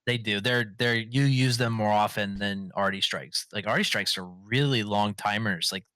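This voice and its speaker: A man's voice: fairly low pitch, normal speed, sharp tone, no echo. A man hosting a casual gaming podcast, rambling with many fillers and restarts. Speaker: podcast host.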